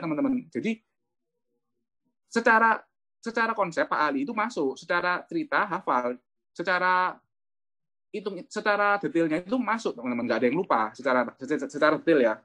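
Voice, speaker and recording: A man's voice: on the high side, expressive, fairly quick, pauses often, pushed and bright. A man, an insurance agent giving a chatty motivational talk about his own experience and often addressing his listeners as friends.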